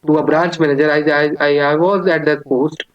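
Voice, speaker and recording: A middle-aged man with an Indian accent asks interview questions in a halting way, repeating phrases as he goes. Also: a little high, little pitch movement. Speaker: interviewer, former bank branch manager. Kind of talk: mock job interview questioning. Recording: dull, lo-fi audio.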